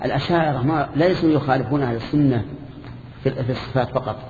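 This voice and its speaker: An older man teaching a lesson to students, explaining a classical text in a measured way with restarts and questions to the class. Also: mid-range voice. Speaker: teacher of Islamic creed. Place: lecture hall with students. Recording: echoey hall, dull lo-fi tape with faint hiss.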